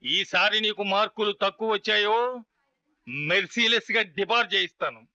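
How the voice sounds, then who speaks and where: A strict college lecturer lectures firmly in a high, very sharp and bright voice. The film soundtrack is dull and muffled. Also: male voice, steady tone, normal speed, no echo, exaggerated voice. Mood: stern. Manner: lecturing, firm. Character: college lecturer, stern, admonishing.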